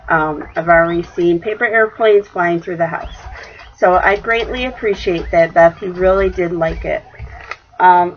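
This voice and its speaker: Woman, middle-aged, craft vlogger, rambling casual chat, home craft room, dull webcam audio, faint hiss. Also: on the low side. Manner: rambling, chatty, many fillers. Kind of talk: casual show-and-tell chat.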